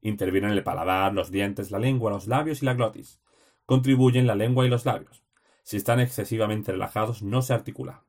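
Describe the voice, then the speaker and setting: A man's voice: fairly low pitch, a little fast, a little mellow. A man reading study notes aloud for a teaching exam, in terse, list-like phrases with short headings.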